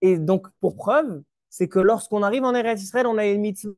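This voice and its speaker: A man's voice: high-pitched, normal speed, a little mellow, no echo, clean studio sound. A man, a rabbi giving a Torah lesson, who explains step by step, asks and answers his own questions, and mixes Hebrew terms into his talk. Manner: repeats words while searching for them.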